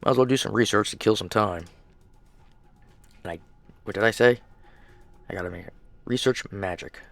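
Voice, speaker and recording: A man narrating a game playthrough, reading the text aloud and adding lively asides. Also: lowish voice, moderate pace, vocal fry, no echo, faint music behind. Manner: animated, reads aloud with asides. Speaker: game streamer.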